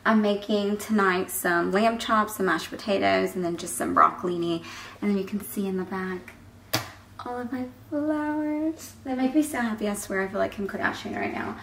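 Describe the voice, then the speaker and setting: A young Southern woman talks straight to camera in a chatty, storytelling way, with lots of "like" and "girl". Her voice sits at a middle pitch, and the car recording behind her carries clear noise. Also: moderate pace, fairly bright tone, poor audio. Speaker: vlogger. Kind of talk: casual chat to camera. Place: car, then home kitchen.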